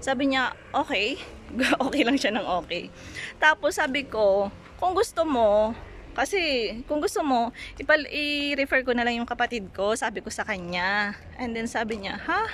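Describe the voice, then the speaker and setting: A chatty woman from the Philippines tells a story straight to her viewers in a casual vlog. Her voice sits a little high, and she keeps calling them guys as she retells conversations. Faint background noise runs underneath. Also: fairly bright tone. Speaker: vlogger. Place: Greece.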